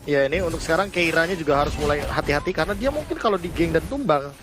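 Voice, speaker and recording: Fast-talking high-voiced Indonesian male analyst. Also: animated. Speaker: esports analyst caster. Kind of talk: analytical game commentary. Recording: clear background noise behind voice.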